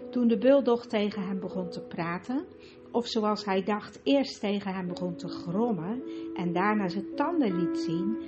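A woman narrating a children's storybook in a lively way, with asides to the listener. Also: mid-range voice. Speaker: audiobook narrator. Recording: lo-fi with music behind.

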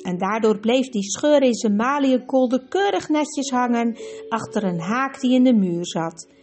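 A woman's voice: a little high, unhurried, soft background music. Woman reading a storybook aloud. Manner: lively, expressive storytelling. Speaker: narrator.

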